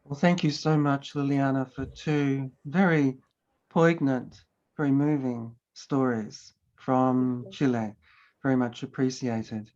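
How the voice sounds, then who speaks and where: A man's voice: medium pitch, fairly even intonation, slow pace, darkish tone. A man moderating an online panel, introducing speakers formally and graciously. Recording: dull lo-fi audio.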